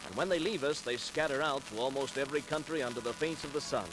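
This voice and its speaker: A man's voice: medium pitch, fast, noisy background. A man hosting a radio program, asking a guest questions in a friendly, conversational way. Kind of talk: radio interview.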